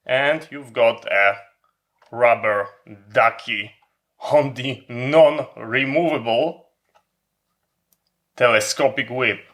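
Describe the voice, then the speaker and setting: This man's mid-range voice is bright with a forceful tone. Demonstrating a product hands-on for his hobby vlog, he talks informally in careful, halting bits, leaning on emphatic pauses.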